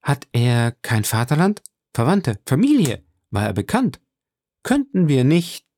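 Audiobook: male narrator doing a pleading young woman, gravelly tone pushed high. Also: animated, moderate pace, mellow. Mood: hopeful urging. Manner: pleading and emotional. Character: young woman, earnest, desperately grateful.

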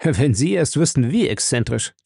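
A man's voice: medium pitch, very animated, moderate pace, gravelly, dark tone, husky, no echo, studio quality, full character voice. A man reading aloud, voicing a cheerful, sly American private detective in a raised, teasing voice. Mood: breezy.

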